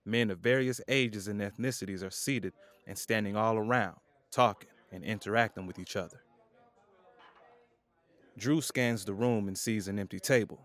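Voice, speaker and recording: A man narrating an audio drama in a plain, even storytelling manner. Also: lowish voice.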